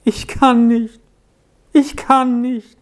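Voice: mid-range voice, unhurried, darkish tone, natural voice. A storyteller voicing a timid young boy in an audiobook reading, speaking in a shy, pleading way.

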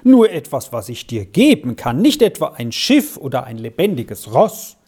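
A narrator voicing an eager, talkative little girl who plays the piano, with a raised, lively voice. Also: medium pitch, husky. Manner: bright, talkative, quick to explain. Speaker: child musician.

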